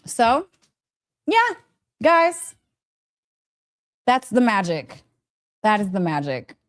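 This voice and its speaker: A woman with a mid-range voice speaks extremely slowly, her pitch swooping wildly. As a spiritual teacher hosting a casual motivational storytelling live stream, she's gushing, emphatic and chatty, repeating phrases and addressing her listeners directly with frequent check-ins.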